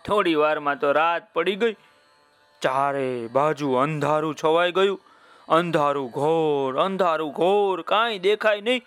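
A man's voice: a little high, pushed and bright, clear, resonant tone, no echo. A man telling a children's story in a playful way, speaking directly to his young listeners.

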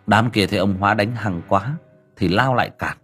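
A male storyteller narrates an audiobook in a dramatic, expressive manner. His voice is a bit low and husky, with lively swings in pitch. Faint background music runs under the reading. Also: moderate pace.

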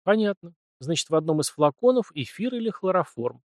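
A man doing a deadpan, terse teenage boy. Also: sits high, brisk, no echo, clean studio sound, voice pushed up.

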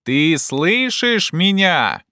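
A man voicing an excitable, feverish gentleman who shouts with loud urgency. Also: a little high, very slow, clear, resonant tone, dry recording, studio quality, voice pushed up, exaggerated voice. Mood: agitated shouting.

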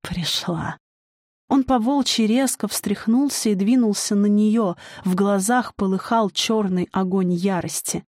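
A woman reading a dark folk fantasy as an audiobook narrator, measured and dramatic. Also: mid-range voice, fairly even intonation, dry recording, studio quality. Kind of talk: scripted narration.

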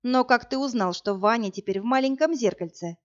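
A woman's voice: on the high side, fairly quick, lo-fi sound, pitched above the performer's own voice, close to an everyday voice. A woman voicing a young witch girl who speaks in a snappy, teasing way. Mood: eager, snappy. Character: young witch girl, sharp-tongued, excitable.

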